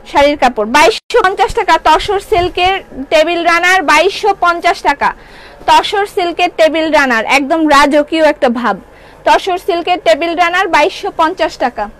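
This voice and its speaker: A woman's voice: extremely high pitch, a bit bright, low-quality recording. A woman from Bangladesh who owns a clothing shop, selling live from her showroom and chatting with viewers while repeating prices again and again. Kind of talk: live product selling, reading viewer comments.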